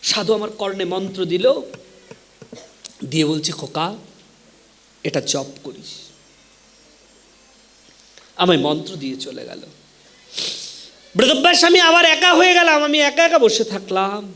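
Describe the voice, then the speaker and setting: High-pitched man preaching in an echoey hall. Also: animated, normal speed, long pauses, bright, forceful tone. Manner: dramatic, wailing cries and repeated lines. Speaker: Bhagavata storyteller preacher. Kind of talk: sung devotional storytelling sermon.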